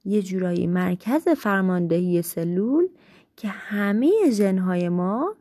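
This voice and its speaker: A woman teacher walks children through a science lesson at an unhurried pace. She stretches out key words and sometimes corrects herself mid-sentence. Her voice is mellow and warm, and the recording is dry and close. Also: mid-range voice, animated, no room sound. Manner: slow, deliberate explaining with fillers and self-corrections.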